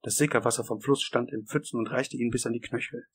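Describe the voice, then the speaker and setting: A man reading a horror story aloud as scripted narration, in a measured, steady way. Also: medium pitch, breathy edge, rough recording. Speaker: audiobook reader.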